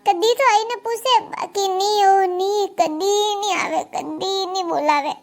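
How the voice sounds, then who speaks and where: A woman's voice: very high-pitched, takes it slowly, heavily acted. A woman voicing a grumbling older grandmother in a cartoon comedy, speaking with a Marwari accent and complaining and scolding. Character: grumbling old grandmother with four sons. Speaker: cartoon character.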